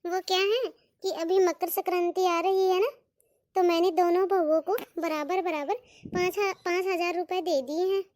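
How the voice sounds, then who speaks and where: A woman's voice: very high voice, fairly even intonation, normal speed, a little mellow, dry recording. A woman voicing a stern but fair mother-in-law in a cartoon, scolding and giving orders. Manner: scolding, commanding, calls daughters-in-law "bahu". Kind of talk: cartoon voice acting.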